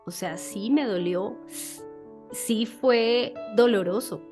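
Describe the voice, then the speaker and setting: A woman with a fairly high voice gives a relaxed sermon talk. She speaks conversationally, pausing on fillers and checking in with her listeners, over faint background music.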